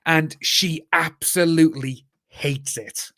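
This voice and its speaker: Chatting casually as a video-call guest, a Cardiff Welsh man in his thirties jokes, laughs frequently, and calls people "mate." His voice is a little high and sharp, with a steady tone and a slow pace. The studio sound is clean, with no echo.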